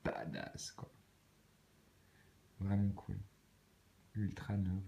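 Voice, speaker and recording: A man with a Swiss French accent, calmly muttering card names and soft exclamations as he opens packs in a casual vlog. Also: low-pitched, slow pace, creaky, slight background noise. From Switzerland. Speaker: card-opening vlogger. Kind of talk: casual commentary while opening cards.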